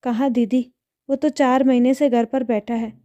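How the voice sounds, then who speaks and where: A woman's voice: fairly high pitch, fairly even intonation, moderate pace, mellow, no room sound, lo-fi sound, lightly acted. A woman voicing a poor, ashamed, tearful housemaid and mother in a read-aloud story. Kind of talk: storybook narration.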